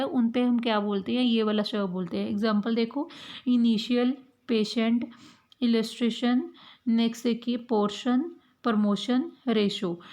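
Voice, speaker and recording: A woman teaching an English lesson, patient, asking and answering her own questions. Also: a little high. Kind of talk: explaining a language lesson.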